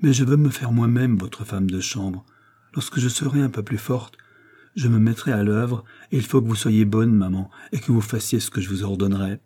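A man's voice: on the low side, normal speed, dark tone, husky. A man voicing an affectionate young woman coaxing her mother tenderly, in an audiobook reading.

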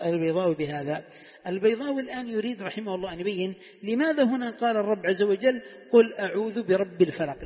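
A high-pitched man teaches a religious text, walking through each point and quizzing his students with rhetorical questions. His voice comes through a thin, phone-like recording with a long echo of a lesson hall. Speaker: sheikh teaching Quran commentary. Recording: tinny phone-like sound in an echoey hall.

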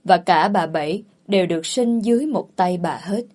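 A woman's voice: fairly low pitch, normal speed, darkish tone. A woman narrating a family drama audiobook, voicing the characters' lines herself. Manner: voices the characters' quoted lines herself with mild emotion. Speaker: storyteller. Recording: faint background music.

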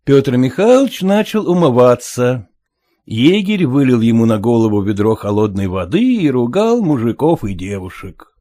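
A man reading a story aloud with expressive acted voices. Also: medium pitch, dry recording, clean studio sound. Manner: expressive, slow in the dialogue.

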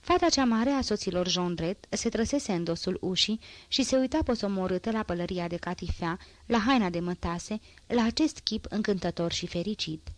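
A woman's voice: medium pitch, no echo. Woman reading a novel aloud. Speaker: audiobook narrator. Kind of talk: scripted novel narration.

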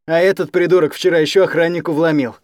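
A man's voice: on the high side, steady tone, quick pace, a little mellow, dry recording, studio quality, pitched above the performer's own voice, natural voice. Man doing a sneering young drunkard. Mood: mocking. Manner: sneering, wheedling. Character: cocky mocking young drinker, man.

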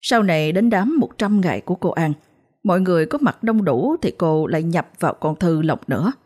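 Lady telling a ghost story, lowish voice, steady delivery. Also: fairly quick.

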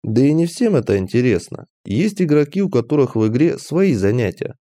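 A man reading a fantasy audiobook aloud as first-person narration, in an animated, expressive manner. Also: mid-range voice, a little fast, no echo.

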